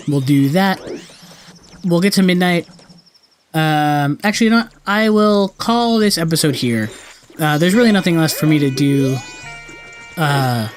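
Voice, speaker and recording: With a little hiss or hum and game music in the background, a male host with a higher-pitched voice talks through a let's-play. He speaks loosely and slangily, rambling and correcting himself as he goes.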